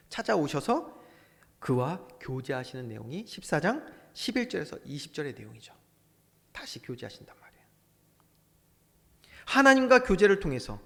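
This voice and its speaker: Pastor guy preaching hard, voice jumps all over, loud then hushed, big echoey church hall. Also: medium pitch. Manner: impassioned preaching, swings between loud bursts and hushed asides. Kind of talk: sermon.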